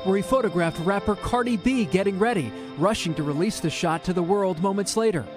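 A male TV news reporter narrating a feature and chatting on set in a news studio, animated delivery. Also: high voice, fairly quick, over music.

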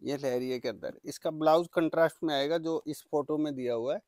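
A man presenting products for sale in an eager, repetitive teleshopping-style pitch. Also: brisk, a little mellow, no room sound, studio quality. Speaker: saree seller presenting products. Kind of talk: product sales demonstration.

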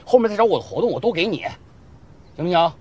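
A man acting in a TV drama as a struggling music troupe founder, wheedling and animated. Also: high-pitched, quick pace, husky, heavily acted. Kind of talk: TV drama dialogue.

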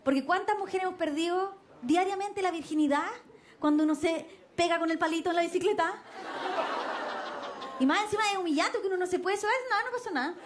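High-pitched Chilean woman doing stand-up. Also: brisk. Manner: brash, slangy punchlines, swings pitch for quoted voices. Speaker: stand-up comedian. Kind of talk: stand-up comedy set. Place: stage before a live audience. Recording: noisy live TV stage with crowd. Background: crowd laughter.

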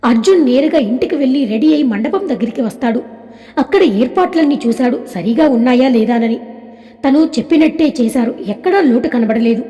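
A woman reading a scripted story aloud in a calm, even storytelling manner, with a long echoing reverb. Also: high-pitched, brisk, muffled recording.

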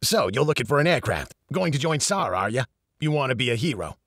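A man's voice: very animated, brisk, fairly bright tone, dry recording, studio quality. A man voicing a greedy, sleazy heavyset male gold dealer with a New York accent, pushing a hard bargain. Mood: wheeling-dealing. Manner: pushy sales-pitch bargaining.

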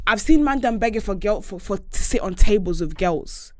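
A woman's voice: mid-range voice, lively intonation, normal speed, dry recording. A young woman with an urban London street accent chatting as a podcast host, emphatic and slangy, repeating phrases for effect in a studio. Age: young adult. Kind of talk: animated casual chat about hot topics. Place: small podcast studio, indoors. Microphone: close studio desk microphone.

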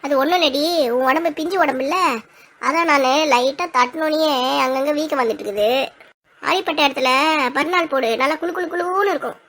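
Shrill, rapid-fire old grandmother with a scolding, threatening manner, played by a woman. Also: a bit bright. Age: older. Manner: scolding, threatening, then tearful. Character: feisty quarrelsome old grandmother. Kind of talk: comic village skit acting.

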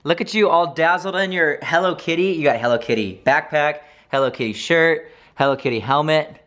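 A man's voice: on the high side, brisk, a bit bright. A man in his thirties, a family vlogger, chatting in a casual, upbeat, laughing way to a camera held at arm's length. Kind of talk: casual vlog chat. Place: kitchen and outdoors, phone held at arm's length. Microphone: handheld camera at arm's length.

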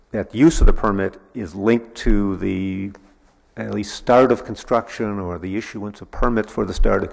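A man speaking as an agency's executive officer, reporting at a public board meeting in a measured, halting way with frequent fillers. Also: deep voice, gravelly. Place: city council chambers. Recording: echoey council chamber.

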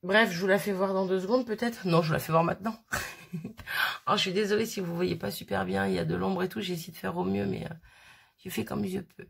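A woman's voice: mid-range voice, fairly even intonation, quick pace, gravelly, husky. A woman in her thirties chatting casually as she unboxes a birthday parcel, rambling and giggly, with a sniffly nose. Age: 30s. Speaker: crafting vlogger.

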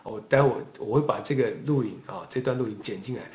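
A male preacher delivering a sermon in a forceful, emphatic way, often turning to rhetorical questions. His pitch sits in the middle range. The room around him is roomy and echoing. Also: fast.

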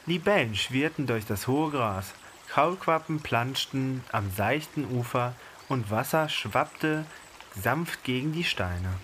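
A man reading a picture book aloud to children in a slow, gentle and expressive way. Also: mid-range voice, slight background noise.

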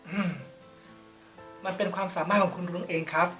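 A woman's voice: fairly low pitch, steady tone, a little fast, a bit bright, soft background music, natural voice, low-quality recording. A woman playing a polite, formal male company president in an online short drama. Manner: formal and polite, addresses staff courteously.

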